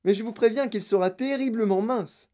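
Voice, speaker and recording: A woman reading aloud and voicing an eccentric, excitable man who owns a chocolate factory, in a theatrical, exclaiming manner. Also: fairly high pitch, a little fast, voice pushed up, natural voice. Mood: breezy. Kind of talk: audiobook reading.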